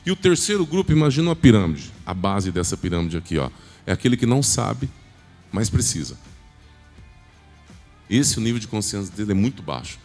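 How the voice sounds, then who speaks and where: A man's voice: lowish voice, very animated, a little fast, long pauses, darkish tone. A man giving an emphatic motivational sales talk at a church event, often asking the audience questions. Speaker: business speaker at a church event. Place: large church hall. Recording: long hall reverb, faint music.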